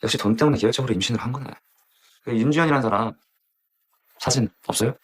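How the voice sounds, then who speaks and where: A cold, arrogant rich executive played by an actor in a dubbed TV drama. He speaks in quick, pushy bursts. There is faint noise behind him. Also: medium pitch, lightly acted. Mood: brusque. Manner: brusque, pushy.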